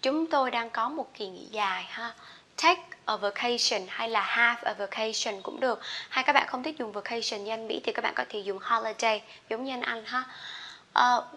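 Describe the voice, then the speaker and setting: Teaching English grammar, this woman talks through the points conversationally, then reads each example sentence aloud slowly and at high volume. She has a slightly high voice.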